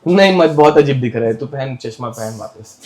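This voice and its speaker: A man's voice: medium pitch, expressive, a little fast, darkish tone. A young Indian man with an Indian English accent teaching chemistry to a class, scolding talkers and dictating notes word by word. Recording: echoey classroom.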